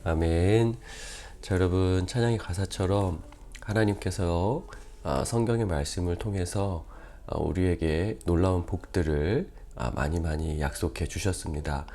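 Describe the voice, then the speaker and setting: A male pastor with a weakened, quiet voice, leading an early-morning prayer service and reading scripture slowly and deliberately, with many "ah" pauses. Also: low-pitched. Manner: measured, careful enunciation with frequent "ah" pauses. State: weak, quiet voice.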